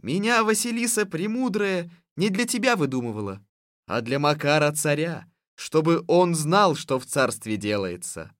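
Woman reader playing a young man in a mirror, blunt, defiant, animated, storybook reading. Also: deep voice, normal speed, no room sound, studio quality.

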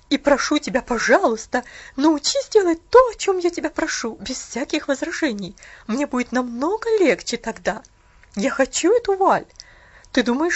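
A woman voicing a stern, bitter middle-aged aunt in mourning, talking sharp and clipped like she's giving orders, read aloud in a storybook. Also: sits high, dull audio.

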